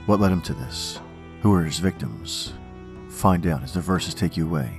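Very deep, gravelly male horror host. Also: animated, normal speed, over music. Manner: theatrical, ominous horror-host delivery. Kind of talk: horror host narration, scripted, with verse readings.

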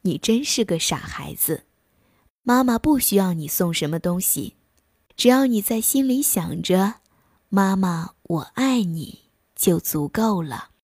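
A woman's voice: mid-range voice, animated, a little slow, a little mellow, breathy edge, dry recording, studio quality. A woman voicing a tender mother poplar tree. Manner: tender, reassuring. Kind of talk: bedtime story narration.

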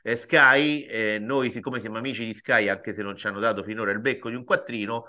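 Bright-voiced Italian podcast co-host. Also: male voice, fairly low pitch, steady tone, brisk. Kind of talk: casual film and TV chat.

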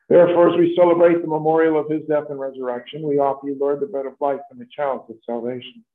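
A man as a priest leading Mass prayers in a measured, formal way, with a cathedral echo. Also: mid-range voice. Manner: measured, formal liturgical delivery. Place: large church. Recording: echoey church, tinny lo-fi sound.

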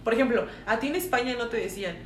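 Young mexican woman chatting slangy, kinda high voice, far from the mic in an echoey room. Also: fast talker, a crowd in the background. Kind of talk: casual chat.

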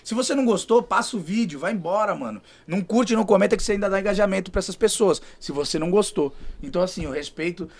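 A man's voice: high-pitched, quick pace, few pauses. A man hosting a casual podcast chat, talking animatedly, swearing and acting out quoted lines. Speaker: podcast host.

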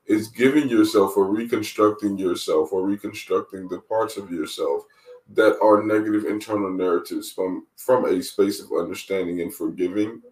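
A man in his twenties, a wellness coach guest, speaking in a measured, reflective way and repeating key phrases for emphasis. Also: fairly low pitch, a little mellow. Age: 20s. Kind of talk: reflective interview talk. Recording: roomy sound, distant from the mic.

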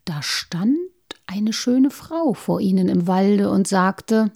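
A woman reads a children's story aloud with lively expression, sometimes dropping to a hushed whisper. Her voice is mellow and dark, with a gravelly edge. Her pitch sits in an ordinary middle range. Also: takes it slowly.

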